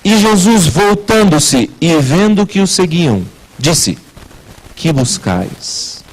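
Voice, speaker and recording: A man preaching a sermon as pastor in a church, asking rhetorical questions with wide swings in pitch and loudness. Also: lively intonation, takes it slowly, low-quality recording.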